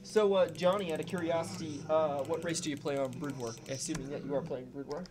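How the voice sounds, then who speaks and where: Speaking briskly in a fairly high voice, this young caster is heard over crowd noise and game music. He co-hosts a gaming channel stream, chatting excitedly and rooting for a player in casual live commentary.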